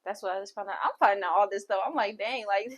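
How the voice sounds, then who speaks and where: A soft-spoken young woman chatting casually as a podcast guest, laughing often. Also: medium pitch, racing, breathy edge. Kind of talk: casual chat.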